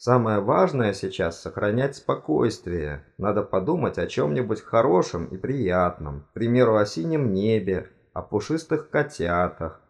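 A man narrating a comic fantasy audiobook in an expressive storytelling manner. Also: on the low side, a little slow, gravelly, hardly any pauses. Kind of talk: scripted narration.

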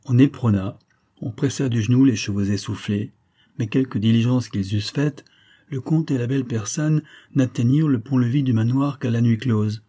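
A man narrating a classic novella as an audiobook, measured and dramatic. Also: mid-range voice, mellow, slightly rough.

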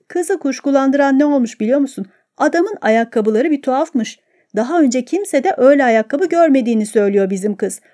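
A woman voicing a boastful, rambling middle-aged man who chats with lively pride in an audiobook. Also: very high-pitched. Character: boastful chatty middle-aged male neighbor.

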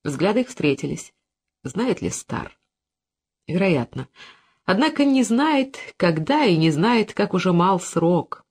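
An audiobook narrator reading literary prose in a measured, expressive way. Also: mid-range voice, breathy edge.

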